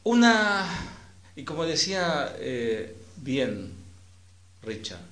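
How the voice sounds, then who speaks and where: A man with an Argentine accent preaching a sermon as pastor, switching between loud emphatic phrases and soft trailing endings, with conversational asides to the congregation. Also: medium pitch, sing-song, drawn-out words, reverberant.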